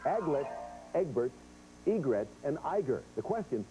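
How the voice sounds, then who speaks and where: A man's voice: a little high, sing-song, a little slow, over music, poor audio. A man hosting a game show, chatting directly to players and viewers as he explains rules and reads quiz questions. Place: television studio.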